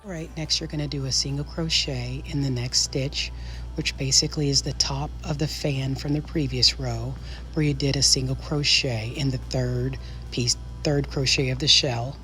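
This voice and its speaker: Though she is losing her voice, a crochet instructor patiently walks through a pattern step by step, repeating each step and counting stitches out loud. Her bass voice stays steady and fairly bright at a moderate pace, with soft music in the background.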